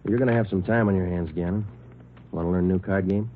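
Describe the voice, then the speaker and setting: An actor playing a terse, businesslike police detective sergeant in a 1940s radio crime drama, speaking in a matter-of-fact way. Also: male voice, sits low, fast talker, slight background noise, close to an everyday voice. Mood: calm, matter-of-fact. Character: clipped, businesslike police detective sergeant, urgent under pressure. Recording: tinny muffled old 1940s radio, music behind.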